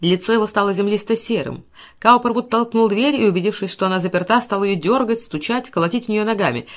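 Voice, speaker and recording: Brief: female audiobook narrator, expressive, dramatic delivery of classic fiction. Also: mid-range voice, fast.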